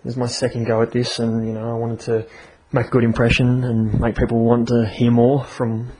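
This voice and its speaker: A man casually reviewing a comic on his podcast, chatty and halting with many fillers. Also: medium pitch, monotone, darkish tone, poor audio. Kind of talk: casual review and story reading.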